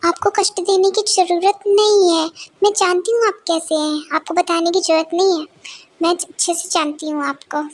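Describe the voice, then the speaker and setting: A woman voicing a sharp-tongued, argumentative young woman in a fan-dubbed romance audio story. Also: very high voice, flat delivery, normal speed. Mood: defiant. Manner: sassy, argumentative.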